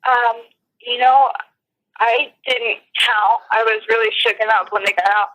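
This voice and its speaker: A woman's voice: on the high side, fairly even intonation, a little slow. A shaken woman giving an eyewitness account over the phone, rambling with many restarts. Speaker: eyewitness interviewee. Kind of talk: phone interview testimony. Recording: tinny phone line.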